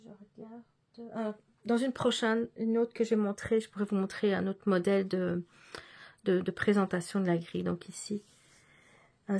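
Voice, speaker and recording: A woman's voice: medium pitch, creaky, a little mellow, slightly rough. A woman chatting through a casual show-and-tell vlog, hesitant and often restarting her words. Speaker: cross-stitch vlogger.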